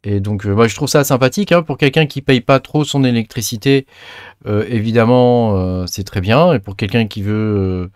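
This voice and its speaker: A man's voice: medium pitch, moderate pace, a little mellow, no room sound, clean studio sound. Chatty man giving a tech tutorial. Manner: chatty, many fillers and trailing "hein". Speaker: crypto mining channel host. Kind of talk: casual screen-recorded tutorial.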